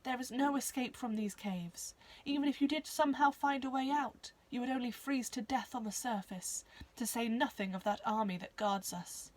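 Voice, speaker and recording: A woman voicing a weak, ailing noblewoman who speaks formally and gravely. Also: a little high, normal speed, few pauses, natural voice.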